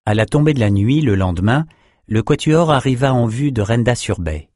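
A man reading an adventure story aloud in a measured storytelling voice. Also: medium pitch, lively intonation, darkish tone, no echo, studio quality. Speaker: audiobook narrator. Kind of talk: scripted narration.

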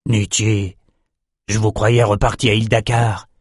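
A man's voice: lowish voice, level tone, a little slow, slightly rough, dry recording, studio quality. A man voicing a weary, kindly bearded harbour master who talks in a tired, sighing way.

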